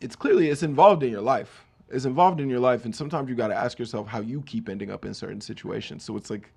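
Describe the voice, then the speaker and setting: A man hosting a comedic podcast, riffing on lyrics with animated energy. His voice has a gravelly, fry-edged texture at a middling pitch. He drifts between low mutters and loud bursts. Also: quick pace. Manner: animated, riffing, mock-voices quoted lines. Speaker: podcast host. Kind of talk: comedic solo podcast chat.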